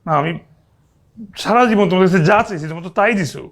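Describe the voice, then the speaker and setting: A man's voice: high voice, fast, fairly bright tone. An actor playing a spoiled, lovestruck young man who pleads restlessly with his mother in a TV drama. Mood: pleading. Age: young adult. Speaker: lovestruck son. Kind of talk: TV drama acting.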